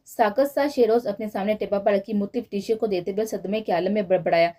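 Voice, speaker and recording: A woman narrating a romance novel in a steady storytelling manner. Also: mid-range voice. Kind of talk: novel reading.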